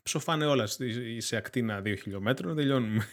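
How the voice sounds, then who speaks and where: A man co-hosting a tech podcast, joking in a laid-back way about video games. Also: mid-range voice. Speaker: podcast co-host. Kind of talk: casual chat.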